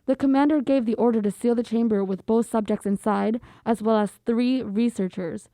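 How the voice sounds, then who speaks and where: Woman podcast host reading a spooky story, kinda high voice, dry close sound. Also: fairly even intonation, normal speed, mellow, dry recording. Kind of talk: reading a horror story aloud, then casual chat.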